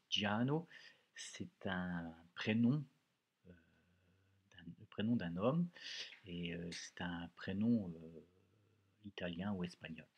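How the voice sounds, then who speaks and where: A man's voice: on the low side, slightly rough, muffled recording. A male teacher leading a reading lesson for pupils, explaining words patiently and repeating phrases.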